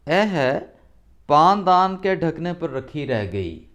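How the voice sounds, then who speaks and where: A man's voice: fairly high pitch, big pitch swings, a bit bright, lo-fi sound, voice pushed up. A man reading the lines of a scheming old woman in a storybook lesson, coaxing and urging someone to hurry. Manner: wheedling, urging a servant girl to hurry.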